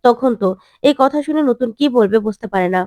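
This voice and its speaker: Woman narrator, serial recap, high pitch, dry close sound, repeats words. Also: expressive, a little fast, dark tone, dry recording. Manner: plain reading with word repeats. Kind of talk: episode recap storytelling.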